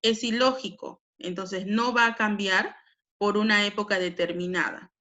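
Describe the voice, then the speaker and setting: A woman's voice: medium pitch, fairly even intonation, moderate pace, sharp tone, highs cut off. A Peruvian woman teaching a language lesson, explaining patiently with frequent tag questions. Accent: Peruvian Spanish. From Peru.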